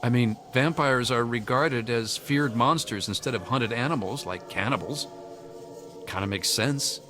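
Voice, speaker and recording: A man with a medium-pitched, sharp voice speaks at a measured pace. He's acting as a troubled young man haunted by hunger in a video game, earnest and reflective as he hesitantly confides, with music in the background.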